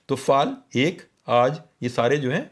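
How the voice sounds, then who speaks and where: In a radio conversation, a man with a mid-range voice teaches poetic meters, patiently counting the sounds aloud and checking that his listener is keeping up.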